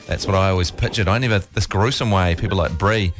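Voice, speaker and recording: A man's voice: low-pitched, soft background music. A man with a New Zealand accent hosting a breakfast radio show, joking and laughing through playful banter. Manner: playful, laughs often, quick asides.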